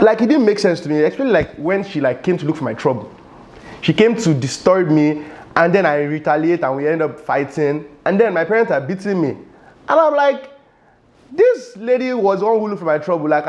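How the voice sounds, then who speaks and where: Chatty Nigerian man vlogging at home. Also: on the high side. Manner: animated, chatty, lots of fillers. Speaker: vlogger host. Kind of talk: casual talking-head storytelling. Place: home studio room. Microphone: lapel mic.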